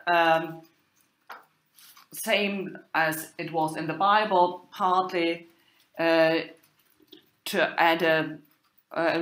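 In an echoing, roomy space, a German-accented university lecturer on medieval German literature delivers an informal talk that includes quoted text. She speaks slowly, hesitantly, and with many pauses, her voice sitting low and a bit bright.

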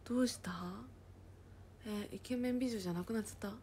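A woman casually chatting on a livestream, reading viewer comments aloud and often dropping into a soft whisper. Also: mid-range voice, rapid-fire, slight background noise. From Japan.

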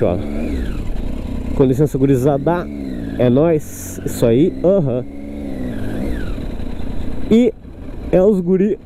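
Young man, high voice, casual self-mocking motovlog rambling, helmet-cam with faint street noise. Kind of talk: casual motovlog commentary while riding. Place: riding a motorcycle on city streets at night.

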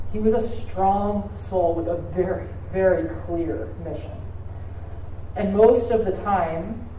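A woman's voice: medium pitch, warm tone, slight background noise. A middle-aged woman pastor preaching a sermon from the pulpit in a conversational way, often asking the congregation questions. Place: church sanctuary, at a pulpit. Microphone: pulpit mic on a stand. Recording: echoey church from a distance.

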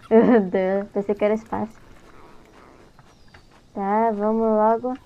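Here a young woman YouTuber with a Brazilian Portuguese accent chats casually over a let's-play, startling easily and addressing the game directly. She speaks slowly in a mid-range voice, flat in delivery yet clear and resonant. The sound is dull and lo-fi, backed by game music.

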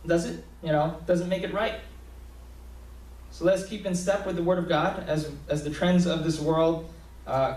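A young man preaching a sermon in a small church hall, talking conversationally with many fillers and restarts. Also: a little high. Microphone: podium mic, filmed from a far camera. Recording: roomy hall sound from far off.

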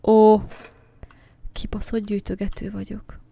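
A woman's voice: mid-range voice, monotone, gravelly, warm tone. A woman giving jumpy, casual commentary while playing a horror game, talking to objects on screen and swearing now and then. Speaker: gaming channel host.

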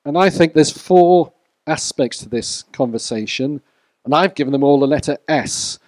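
A man preaching a sermon to a church congregation in a measured way, sometimes speaking to people in the room. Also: a little high, darkish tone, no room sound. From Wales.

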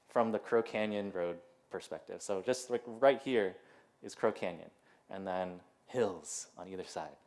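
A pastor in his thirties preaches informally in a church sanctuary, his lowish voice a little mellow. The sermon is conversational, full of "like" and "um," with asides he laughs through.

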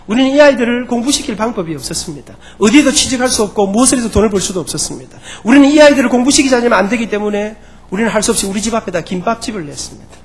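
A man voicing a struggling middle-aged deaconess who pleads with her pastor. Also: very high voice.

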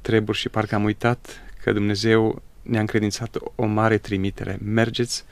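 A male interview host speaks in a measured, reflective, preacherly way. His voice is low and gravelly, and his pitch stays flat and even. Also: no echo. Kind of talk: religious interview.

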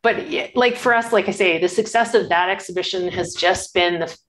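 A woman's voice: fairly low pitch, fairly quick, rough recording. A woman in her sixties, a guest photographer, telling stories in a casual interview in an earnest, rambling way full of restarts. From Canada.

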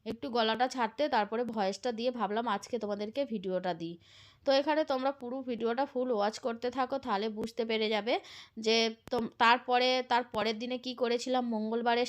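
A woman chatting to her viewers in a casual family vlog, a little hoarse from a cold. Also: a little high. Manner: chatty, addresses viewers as friends. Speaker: family vlogger.

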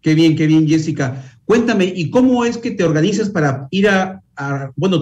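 A man's voice: fairly high pitch, a little mellow, lo-fi sound. A middle-aged man, a news anchor hosting a live TV interview in a polished, formal presenter manner from a studio.

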